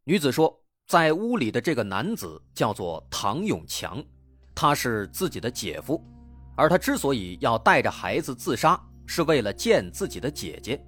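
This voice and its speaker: Lively male true-crime storyteller. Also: mid-range voice, moderate pace, faint music behind. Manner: lively, dramatic narration. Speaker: host.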